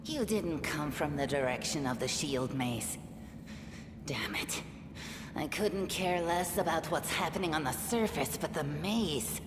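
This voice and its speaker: Casting: abrasive female game hunter, low and unhurried, curt, in noisy reverb. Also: lively intonation. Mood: irritated, scornful. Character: abrasive, scornful mongrel huntress. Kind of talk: video game dialogue.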